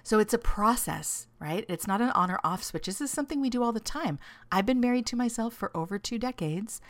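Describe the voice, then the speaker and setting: A middle-aged woman coaching listeners on self-kindness, talking in a gentle, encouraging way, often checking in with "right?", laughing often and dropping into soft whispered asides. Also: fairly high pitch, expressive, brisk, no echo. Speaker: self-love coach and podcast host. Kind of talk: casual reflective monologue. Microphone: studio microphone.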